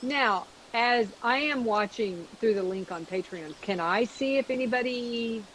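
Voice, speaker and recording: A middle-aged woman chatting casually, haltingly searching for her words. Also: a little high, fairly bright tone, slight background noise, poor audio. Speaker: streamer's mother and guest. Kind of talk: casual chat.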